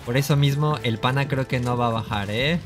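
A young man giving lively gameplay commentary, excitable and repeating his exclamations as he trash-talks opponents. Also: medium pitch, brisk, background noise. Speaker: gaming YouTuber. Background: background music.

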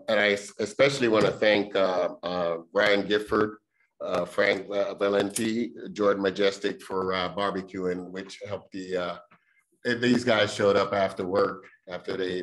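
A man serving as a board director, giving remarks at a meeting in a halting way with many pauses and restarts. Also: deep voice, rough recording.

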